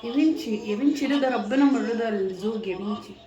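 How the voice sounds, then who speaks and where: A woman's voice: a little high, fast. A woman with an Egyptian accent giving insistent, preachy advice in a comic phone-call sketch. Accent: Egyptian Arabic. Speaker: wife in a comedy sketch. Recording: roomy echo with loud music behind.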